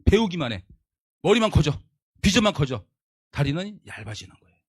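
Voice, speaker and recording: A man's voice: a little high, sing-song, fairly quick, slightly rough, dry recording, studio quality. A man giving a motivational leadership lecture in an emphatic style, repeating his points and asking his audience rhetorical questions.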